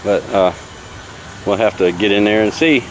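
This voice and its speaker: A man, a beekeeper casually explaining a bee removal outdoors in a relaxed, plain-spoken way with many fillers. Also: lowish voice, moderate pace, over music, rough recording. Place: outdoors beside a house wall. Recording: outdoor noise in the background.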